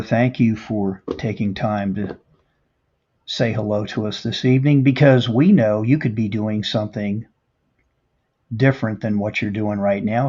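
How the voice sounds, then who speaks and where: A man's voice: on the low side, a little mellow, breathy edge, muffled recording. Affirming male livestream host. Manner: affirming, reads viewer comments aloud. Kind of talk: livestream chat.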